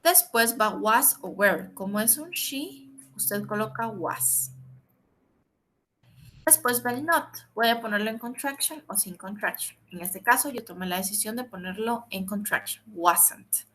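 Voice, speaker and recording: Woman language teacher, bright tone, patient and repetitive, spells things out. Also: medium pitch, expressive, unhurried, slight background noise. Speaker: English teacher. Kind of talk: recorded online grammar lesson.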